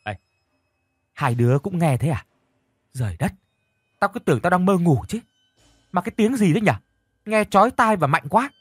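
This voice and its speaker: A man's voice: expressive, moderate pace, long pauses, breathy edge, dry recording, studio quality. A man voicing a panicky young male student who cries out in fright. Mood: startled. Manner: shrill, frightened exclamations.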